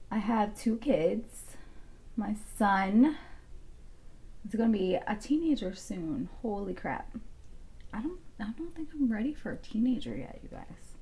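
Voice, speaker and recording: A woman's voice: mid-range voice, dark tone. Chatty woman in her thirties, thinking aloud. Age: 30s. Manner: rambling, thinking aloud, filler-heavy. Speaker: beauty vlogger. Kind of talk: casual makeup tutorial chat.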